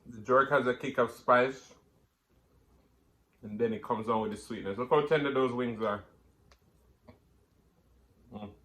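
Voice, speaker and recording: A man's voice: mid-range voice, a little slow, pauses often, a bit bright. A man giving casual mukbang commentary while eating, talking between bites with savoring hums. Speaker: mukbang host.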